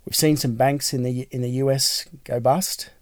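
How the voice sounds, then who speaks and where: Aussie bloke hosting a podcast, matey and plain spoken, dry close sound. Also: male voice, medium pitch, little pitch movement, moderate pace, no room sound. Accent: Australian. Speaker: podcast host, real estate agency owner. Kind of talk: casual podcast interview.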